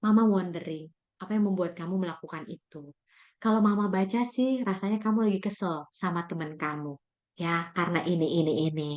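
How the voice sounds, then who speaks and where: A woman voicing a worried mother who talks seriously and softly to her teenage child. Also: on the low side, fairly even intonation, brisk, dull audio, voice pushed down, natural voice. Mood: gentle probing. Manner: soft, hushed, serious tone.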